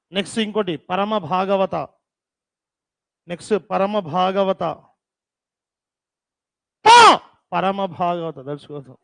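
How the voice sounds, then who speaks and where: A man teaching a class, dictating terms slowly and repeating them, with teasing scolds, in a classroom. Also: high-pitched, vocal fry, fairly bright tone, no room sound.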